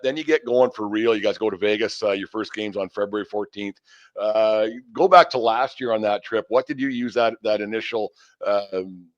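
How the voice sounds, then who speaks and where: With a fairly low voice captured on a dry, lo-fi recording, a man in his fifties interviews a guest on a casual sports show. He rambles and chats, often making jokes at his own expense.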